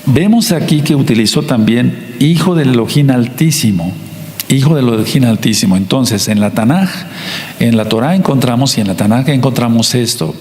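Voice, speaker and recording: Mexican male pastor, mid-pitched, teaching sermon style, roomy hall reverb. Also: a little mellow. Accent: Mexican Spanish. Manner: teaching, repeats points, slows to stress words. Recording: echoey hall.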